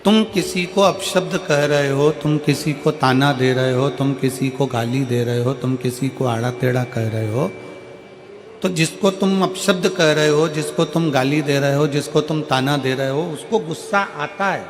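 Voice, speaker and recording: A preacher with a fairly high voice tells a religious story at a moderate pace during a devotional sermon to a crowd. Set in a large hall at a live religious gathering, he repeats phrases in a building rhythm and eventually breaks into a sung hymn.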